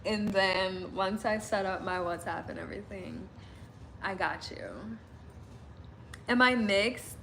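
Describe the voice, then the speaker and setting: Slow, chatty young Midwest woman. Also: medium pitch, fairly bright tone, a little hiss or hum. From Illinois, US Midwest. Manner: chatty, giggly, says "like" often. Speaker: livestream host. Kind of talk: casual livestream chat reading comments.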